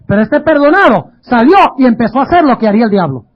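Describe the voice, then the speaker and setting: A man's voice: very high-pitched, very animated, fast. A male pastor giving a dramatic sermon, full of rhetorical questions. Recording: dull lo-fi radio sound.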